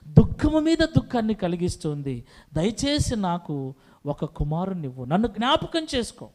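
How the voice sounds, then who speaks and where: A grieving, childless woman pours out her pleading prayer in a high voice, as a male preacher voices her. She keeps repeating her requests, one plea after another.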